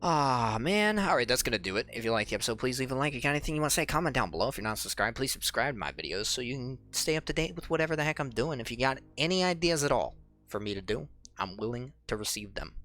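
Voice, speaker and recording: A man's voice: medium pitch, racing. A young man commenting on his own gameplay, chatting with viewers in an exasperated, joking way, his voice cracking from a dry throat. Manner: animated, exasperated banter with viewers. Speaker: gaming channel host. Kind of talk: let's play commentary. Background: faint game music.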